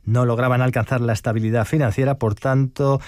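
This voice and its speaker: Male news anchor, formal and measured, dead-dry studio sound. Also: mid-range voice, fairly even intonation, darkish tone, no echo. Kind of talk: scripted news reading. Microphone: studio microphone.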